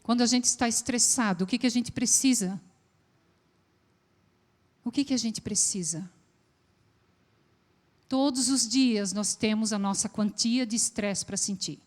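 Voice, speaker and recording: A woman psychologist with a southern Brazilian accent gives a lively church talk, often putting questions to the congregation. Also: fairly high pitch, measured pace, long pauses. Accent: Brazilian Portuguese, southern. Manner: lively, asks the audience questions. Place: church hall. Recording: long echo of a large church hall.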